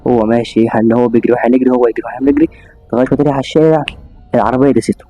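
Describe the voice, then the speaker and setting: Fast-talking Egyptian man telling a story. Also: medium pitch, no room sound. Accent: Egyptian Arabic. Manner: rapid, animated retelling with exclamations and restarts. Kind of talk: casual spoken storytelling to an audience. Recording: slightly dull audio with faint music.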